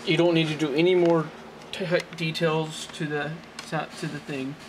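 A man's slightly high, flat voice leads a casual, improvised tech how-to, hesitant and rambling with frequent self-corrections. The setting is a desk in a small indoor room, recorded on a handheld camera just behind him and out of view, with faint noise.

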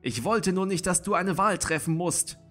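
A man's voice: on the high side, sing-song, normal speed, fairly bright tone, voice pushed up. A man reading aloud and voicing a hot-tempered young tomcat warrior who defends himself. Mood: heated. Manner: defensive, heated.

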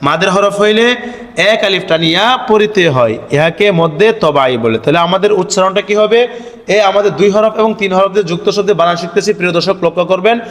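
A man teaching Arabic letter spelling for Quran reading, drilling the syllables slowly in a singsong chant and asking questions that he answers himself. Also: high voice. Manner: asks the viewers questions and answers them himself. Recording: echoey room with long reverb.

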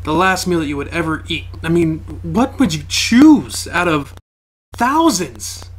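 A man speaking expressively and excitedly to camera about gaming. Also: a little high, unhurried, slight background noise, low-quality recording. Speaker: gamer interviewee. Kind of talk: personal testimony to camera.

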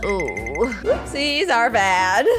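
A woman's voice: medium pitch, wildly swooping pitch, very slow, loud music behind the voice. A woman hosting a playful, kid-friendly reaction video in a theatrical way, with exaggerated gasps and exclamations.

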